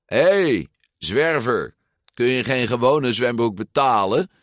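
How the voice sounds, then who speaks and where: A man's voice: on the low side, very animated, takes it slowly, a bit bright, dry recording, studio quality, voice pushed up, exaggerated voice. A man voicing a pompous, sneering boy bully in a storybook reading, taunting and jeering. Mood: mocking.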